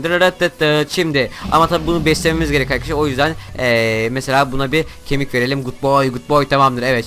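A young man hosting a gaming channel, giving excitable Minecraft gameplay commentary and constantly talking to his viewers. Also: mid-range voice.

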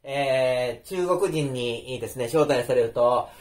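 A man giving an informal spoken lesson, explaining step by step with many pauses and fillers. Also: medium pitch, a little mellow. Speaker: language teacher. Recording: roomy echo.

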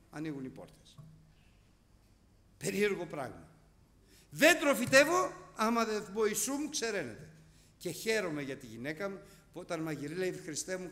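A middle-aged man delivers a sermon in a high voice that swings widely in pitch. He animatedly tells vivid stories, acting them out with sound effects, and a long hall reverb hangs over the recording.

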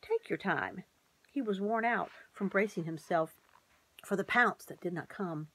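A woman reading a children's chapter book aloud in a measured, gently expressive way. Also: medium pitch. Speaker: narrator. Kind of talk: storybook read-aloud.

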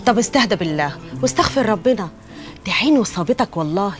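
A woman's voice: medium pitch, animated, fast, close to an everyday voice. An actress playing a soothing, coaxing woman. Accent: Egyptian Arabic. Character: caring sister figure soothing a distraught man. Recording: film soundtrack with music underneath.

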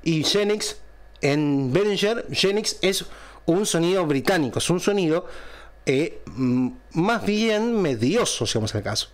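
A man's voice: fairly high pitch, animated, a little slow. A man hosting a casual microphone review, explaining patiently and checking in with a frequent "¿bien?", recorded close on a dynamic mic in a home setup. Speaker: channel host reviewing a microphone. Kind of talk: casual tech review and sound test. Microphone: close dynamic studio microphone through a mixer.

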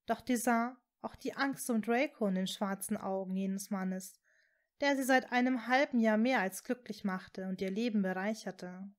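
A woman reading a fan fiction story aloud in a calm, measured narration. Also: mid-range voice. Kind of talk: audiobook narration.

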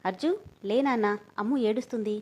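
A woman voicing a gentle young mother who gently soothes and persuades her child. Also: a little high, fairly quick, lightly acted. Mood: soothing.

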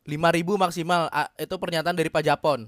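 A man playing a news reporter in a roleplay game, asking brisk, probing questions and laughing easily. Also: on the high side, steady tone, fairly bright tone, no echo, studio quality.

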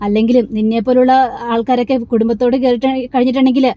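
Bitter accusing woman, scolding, fast delivery, slightly high, read by a woman. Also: little pitch movement, dark tone, no echo, natural voice. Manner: scolding, blaming.

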